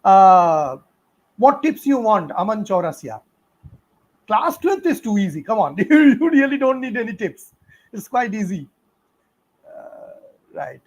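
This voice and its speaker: This physics teacher, a middle-aged man with an Indian accent, has a high, sing-song voice and speaks at a measured pace with frequent pauses. Fielding student questions on a live stream, he's talkative and encouraging, laughing often and using plenty of fillers as he gives fatherly advice.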